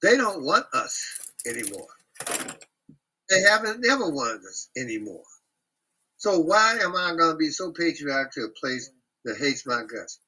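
A man hosting a casual group talk, speaking bluntly and profanely in an animated rant. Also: on the high side, normal speed, breathy edge, poor audio.

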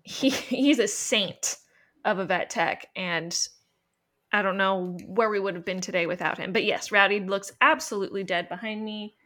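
Woman cohost, casual chat, laughy and sweary, bright voice. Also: mid-range voice, moderate pace. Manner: swears freely and laughs a lot while telling stories. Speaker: podcast co-host. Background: her dog on camera.

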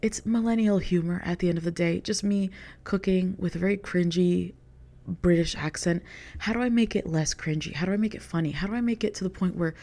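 A woman's voice: fairly low pitch, a little fast, mellow. A young woman, a content creator, talking casually in a rambling podcast monologue, filling her sentences with "like". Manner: rambling, heavy use of "like" as filler.

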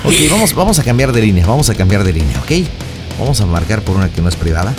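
Lively Mexican radio host. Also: male voice, lowish voice, quick pace, over music. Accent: Mexican Spanish. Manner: animated, coaching, playful. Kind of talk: prank call radio show.

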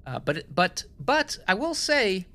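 A man's voice: sits high, sing-song, unhurried, bright, forceful tone. A young adult man co-hosting a podcast, talking in a rambling, enthusiastic way with lots of restarts. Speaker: podcast co-host. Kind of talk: casual podcast chat.

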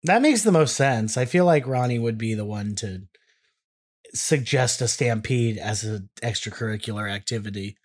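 A man's voice: mid-range voice, expressive. Wry bantering man with a Texan accent. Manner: wry, bantering, with quick sarcastic comebacks. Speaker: podcast co-host. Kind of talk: casual chat.

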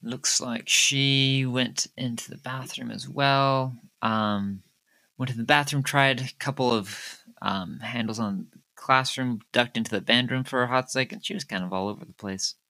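A man narrating a murder-mystery tabletop game as game master, speaking unhurriedly and haltingly with many fillers. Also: medium pitch, steady tone, bright, forceful tone.

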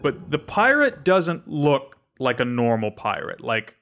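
A man's voice: mid-range voice, sing-song, unhurried, fairly bright tone. A man narrating a tabletop game as game master in a casual, descriptive storytelling manner. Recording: noisy recording.

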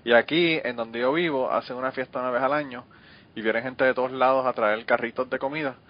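A man's voice: medium pitch, fairly even intonation, quick pace, lo-fi sound. A man with a Puerto Rican Spanish accent, co-hosting a casual chat and telling loose stories with casual swearing. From Puerto Rico.

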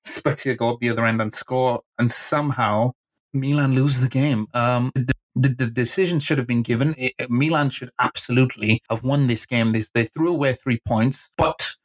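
A man's voice: mid-range voice, steady tone, normal speed. A man hosting a football podcast, talking in a chatty, enthusiastic way with frequent restarts. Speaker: podcast host. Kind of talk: casual football podcast talk.

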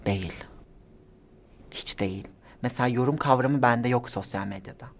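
A nineteen-year-old man telling stories as a guest in a casual interview, animated and giggly, acting out the people he quotes. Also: mid-range voice, normal speed. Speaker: guest, social media personality.

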